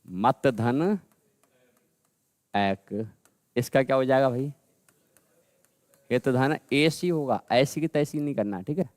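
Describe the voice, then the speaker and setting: Slow-talking grammar teacher, man. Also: medium pitch, a little mellow, no room sound. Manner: slow, repeats words for students, addresses them as bhai. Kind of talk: classroom lesson.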